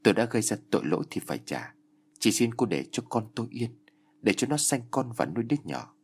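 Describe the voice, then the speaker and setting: A terrified older mother sobs and stammers out her pleas for forgiveness, voiced by a man. The voice is low and husky with wide swings in pitch. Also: sing-song, fast. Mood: pleading.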